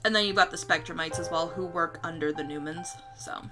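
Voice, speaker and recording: This livestream host has a lowish voice and speaks a little fast, with music playing behind her. Giggly and rambling, she drops the occasional casual swear word while chatting about her own story notes.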